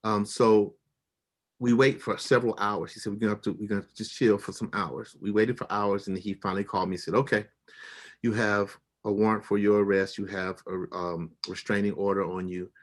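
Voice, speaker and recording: A man's voice: fairly low pitch, little pitch movement, fairly quick. A middle-aged man telling a personal story with feeling, acting out the people he quotes with big jumps in his voice.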